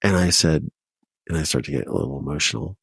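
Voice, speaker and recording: A man's voice: a bass voice, fast, vocal fry, slightly rough, no room sound, clean studio sound. A man from Ohio, a documentary filmmaker, telling his personal story as a podcast guest, heartfelt and rambling with many restarts. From Ohio, United States.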